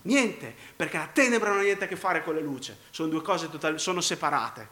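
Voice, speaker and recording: A man preaching a sermon, congested and often clearing his throat, swinging between loud emphasis and low, quiet phrases and repeating his words. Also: animated, fast, reverberant.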